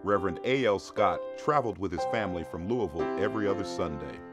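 A man giving measured, scripted documentary narration. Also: low voice. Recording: music bed under voice.

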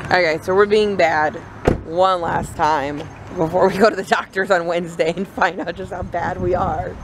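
A woman's voice: lowish voice, steady tone, moderate pace, background noise. A young woman, chatting casually and rambling on camera for her vlog, often giggling. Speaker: vlogger.

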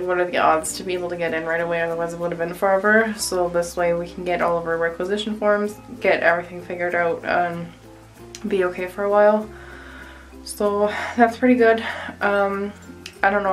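A young woman with a cold chats into her phone camera at home, filling her talk with "um" and "like". Her voice sits low for a woman, with soft music playing underneath. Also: poor audio. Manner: chatty, many fillers like "um" and "like". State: has a cold. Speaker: vlogger. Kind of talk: casual vlog. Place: home bathroom. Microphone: handheld phone camera.

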